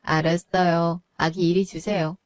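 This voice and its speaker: A woman voice actor playing a calm, polite young daughter-in-law in a Korean audio drama. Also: on the low side, measured pace, no echo, lightly acted. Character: patient young wife, kind daughter-in-law.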